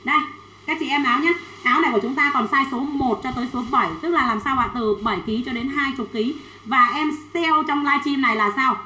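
A woman selling children's clothes on a livestream, chatting quickly and reading out sizes and buyers' names. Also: sits high, sharp tone, reverberant, slight background noise, poor audio. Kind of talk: fast livestream sales pitch.

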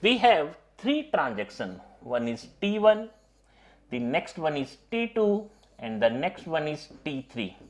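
A middle-aged teacher gives an exam-prep lecture at a whiteboard in a small studio classroom, speaking through a clip-on mic. His sing-song voice rises and falls widely as he emphasizes each point, a little slowly. Repetitive and emphatic, he often addresses "my dear students."

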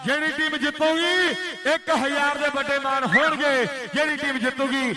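A man's voice: very high voice, steady tone, normal speed. A man with a Punjabi accent giving frantic live rural sports commentary, repeating phrases rhythmically and calling out prize money as announcer. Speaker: kabaddi match commentator and announcer. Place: outdoor village sports ground. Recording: noisy outdoor PA, loud background noise.

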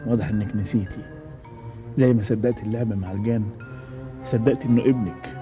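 A man's voice: on the low side, steady tone, fast, over music, lightly acted. An actor playing a cold, scheming man in a TV drama who threatens a woman. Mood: menacing. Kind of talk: TV drama acting.

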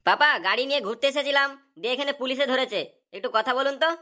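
A woman's voice: sits high, quick pace, pushed and bright. A woman voicing a brash young man, the chief's son, in a cartoon. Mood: entitled. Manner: brash and pushy.

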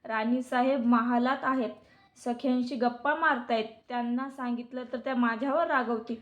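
A woman voicing a timid young palace maid who speaks quietly and cautiously. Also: on the high side, fairly even intonation, normal speed, natural voice. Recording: dull lo-fi recording.

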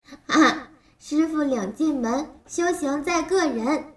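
A woman's voice: high-pitched, slow. A woman voicing a cheerful, child-like little cartoon creature who teaches phonics, talking simply and encouragingly as if reading to a toddler. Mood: cheerful, praising. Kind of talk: animated lesson for small children.

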